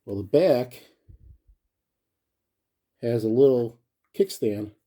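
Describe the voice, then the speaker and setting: A warm, animated mid-range male voice takes things slowly as a collector reviews a gadget up close. The talk is casual and unrehearsed, with him thinking aloud in a laid-back way.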